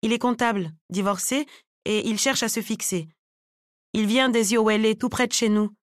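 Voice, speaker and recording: A woman's voice: on the high side, normal speed, no echo, studio quality, lightly acted. A woman reading the part of a hopeful middle-aged aunt in an audiobook, in a confiding manner.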